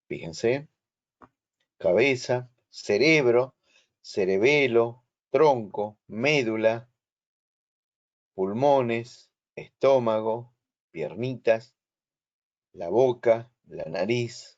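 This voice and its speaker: A man with a Rioplatense Spanish accent giving a slow, explanatory online lecture and checking that his students follow. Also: mid-range voice, lo-fi sound. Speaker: instructor. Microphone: video call.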